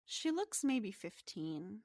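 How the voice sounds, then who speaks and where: A woman's voice: mid-range voice, very animated, takes it slowly, darkish tone, dry recording, studio quality. A woman narrating a tabletop game as game master, describing scenes with small hesitations.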